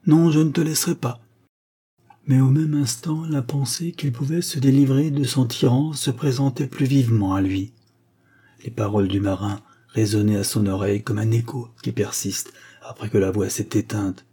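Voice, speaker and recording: A man narrates a short story in a measured, expressive reading. His voice is dark and mellow, with a husky grain. He sits at a middling pitch for a man. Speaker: audiobook reader.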